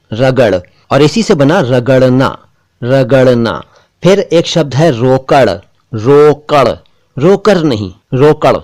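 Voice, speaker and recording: A man hosting a pronunciation lesson, talking straight to his viewers and repeating each word slowly for drill. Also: mid-range voice. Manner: slow, deliberate repetition of words for drill; warm, direct address to viewers as friends. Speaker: language teacher and channel host.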